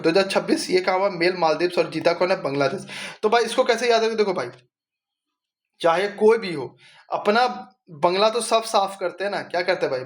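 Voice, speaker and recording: High-voiced man teaching exam mnemonics. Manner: quizzing himself with rhetorical questions; casual, addresses viewers as brother.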